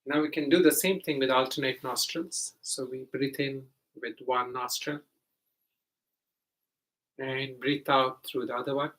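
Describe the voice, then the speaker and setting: A man with a medium-pitched, steady voice leads a guided meditation, explaining each step simply and gently like a teacher instructing students, with pauses and hesitations along the way. The recording is rough.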